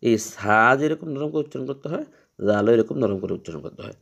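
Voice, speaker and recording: A man teaching Quran reading, explaining each letter patiently and repeating its sound slowly three times. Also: on the low side, animated, vocal fry, highs cut off. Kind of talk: step-by-step letter lesson.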